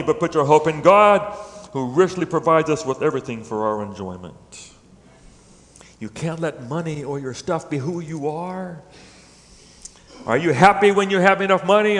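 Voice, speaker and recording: A middle-aged pastor with a high, light voice delivers a sermon, one moment pressing his point loudly, the next dropping to a near hush. His words ring out with a long reverb through a big church hall. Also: moderate pace. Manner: dynamic preaching, swinging between loud emphatic peaks and hushed low lines. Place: church sanctuary.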